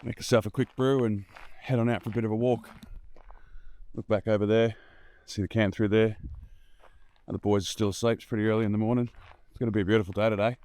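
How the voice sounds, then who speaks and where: A man, just woken up and with a low morning voice, talks in a laid-back, rambling way while walking outdoors in the bush. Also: steady tone, fast, long pauses, warm tone. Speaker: 4WD camping vlogger. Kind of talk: casual walk-and-talk vlog.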